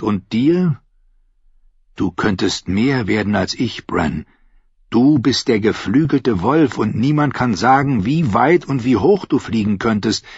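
A man's voice: mid-range voice, husky, no room sound. Man reading a solemn boy seer. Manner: measured, grave, slow speech. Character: solemn dreaming boy seer, calm and wise. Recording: slightly dull dry recording.

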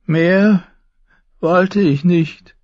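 A man voicing a cruel, unstable young prince who mocks and threatens in a shrill, strained voice. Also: fairly even intonation, extremely slow, no room sound, muffled recording. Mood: content.

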